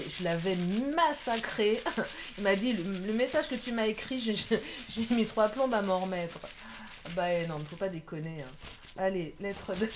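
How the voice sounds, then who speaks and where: A woman's voice: mid-range voice, noisy background. A woman giving a casual tarot reading, chatty, laughing often and joking about herself. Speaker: tarot card reader.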